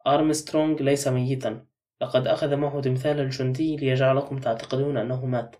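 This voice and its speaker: A man's voice: mid-range voice, little pitch movement, fast, warm tone, recorded from a distance, close to an everyday voice. A man voicing a tense, insistent young woman, talking with urgency.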